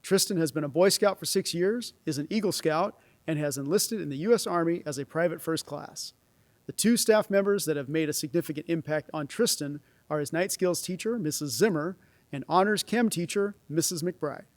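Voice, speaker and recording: A man's voice: fairly high pitch, moderate pace, no echo. A man formally reading out scripted honors as presenter at a school knighting ceremony, speaking into a podium microphone. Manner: formal read-out delivery, announcing names ceremonially. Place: stage of a large auditorium.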